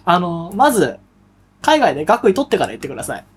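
A man's voice: high-pitched, wildly swooping pitch, fast, slight background noise. A young man co-hosting a podcast in casual chat, teasing his partner with joking banter. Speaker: podcast co-host.

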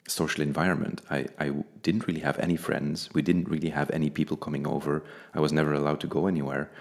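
Guy with a super low voice, slow and thoughtful, opening up in an interview. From Belgium. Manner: thoughtful, candid, slow and measured. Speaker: interview guest. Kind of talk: reflective personal interview.

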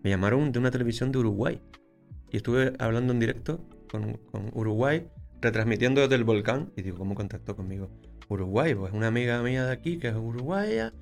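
A man tells stories at a rapid clip in a casual interview. His voice has a gravelly, creaky grain, and he acts out scenes with little sound words. Faint music plays underneath. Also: mid-range voice, expressive, darkish tone. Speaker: photographer guest.

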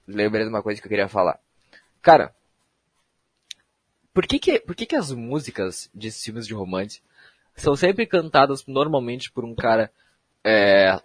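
A man's voice: medium pitch, breathy edge, no echo. A young man from Brazil, hosting a solo podcast in a rambling, slangy, self-mocking way. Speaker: podcast host. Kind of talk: casual solo podcast monologue.

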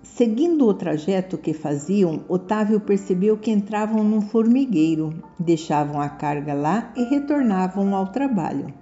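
Brazilian woman, children's storytelling, deliberate delivery, dark warm timbre, light music behind. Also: mid-range voice, animated. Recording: muffled lo-fi recording, music behind.

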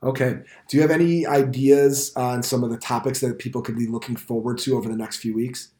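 A middle-aged man with an American accent hosts a podcast in a casual interviewing style. His voice sits at an average pitch. The room adds noticeable echo around it. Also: steady tone, fairly quick, mellow. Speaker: podcast host and teacher. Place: indoor school podcast studio. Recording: roomy, reverberant room sound.

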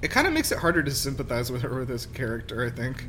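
A podcast co-host chats casually and jokingly while commenting on a film, his medium-pitched voice swinging hugely in pitch at a fast clip. The film's soundtrack plays loudly behind him, with its music and dialogue audible.

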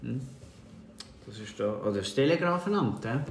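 A man's voice: medium pitch, expressive, moderate pace, roomy sound, slight background noise. A man with a Swiss German accent chatting casually, often searching for his words. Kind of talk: casual chat.

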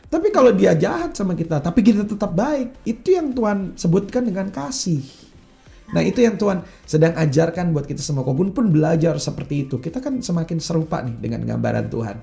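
A man, a youth pastor preaching earnestly in a relaxed chat, mixing in slang and acting out everyday complaints. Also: high voice, fairly quick, creaky.

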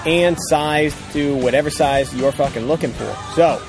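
A man's voice: a little high, normal speed. A man co-hosting a casual podcast outdoors, with profane, informal, upbeat banter and sponsor plugs. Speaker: podcast co-host. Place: outdoors on a ranch. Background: music.

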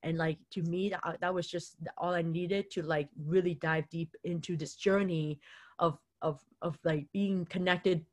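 A woman's voice: lowish voice, steady tone, unhurried. A young woman telling a personal story in a rambling, casual way, full of fillers and quoted self-talk. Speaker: vlogger.

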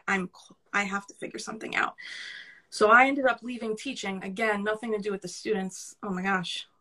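A woman's voice: medium pitch, bright, forceful tone. A woman in her thirties with a New York accent, a podcast guest talking candidly and chattily, laughing easily and swearing casually. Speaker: podcast guest, career coach. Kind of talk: casual conversational interview.

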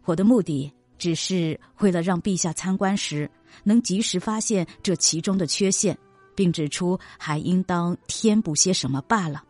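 A woman's voice: fairly low pitch, moderate pace, darkish tone, no echo, faint music behind, pitched below the performer's own voice, natural voice. Aladdin woman voicing, courteous young man, deferential, dry close recording. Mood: humble. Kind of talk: storybook reading.

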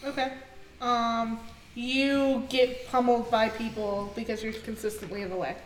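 A woman narrating as game master, pausing often with fillers and correcting herself mid-sentence. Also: on the high side, steady tone. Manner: halting, frequent fillers and self-corrections. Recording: echoey room, off-mic, background noise.

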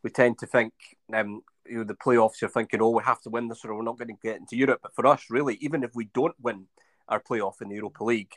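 A man's voice: mid-range voice, steady tone, quick pace, fairly bright tone, no echo. A man co-hosting a football podcast in casual chat, hesitant with many fillers and restarts. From England. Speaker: podcast co-host.

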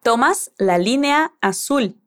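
A woman's voice: fairly high pitch, expressive, slow pace, a bit bright. A woman teaching a scripted language lesson, patiently prompting the listener to repeat phrases and encouraging them.

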